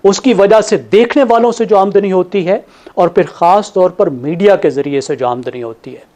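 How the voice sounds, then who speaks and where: A man on a TV panel, laying out his analysis point by point in a measured way. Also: high voice, dark tone. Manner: measured, listing points in order.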